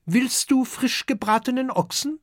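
A man voicing a motherly female dragon who scolds and fusses briskly, in a children's audiobook. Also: extremely high pitch, no echo, studio quality, pitched above the performer's own voice. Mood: scolding motherly.

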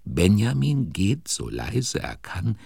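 A man narrating a children's audio drama as a dramatic, deliberate storyteller with a gravelly voice. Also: on the low side, wildly swooping pitch, darkish tone, no echo, clean studio sound, heavily acted. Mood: suspenseful. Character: storyteller of a children's tale, attentive and suspenseful.

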